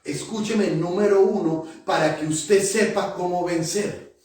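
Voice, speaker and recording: Preaching a sermon in a church hall, this pastor has a high, darkish voice with fairly even intonation and a measured pace. He is emphatic and repeats phrases for effect, captured from afar amid heavy echo.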